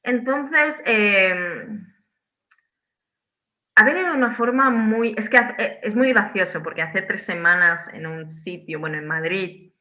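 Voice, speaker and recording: A woman from Spain, a theatre director talking as a guest on a video call from home, animated, with many restarts and tag questions. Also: medium pitch, unhurried, muffled recording. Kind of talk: casual online interview.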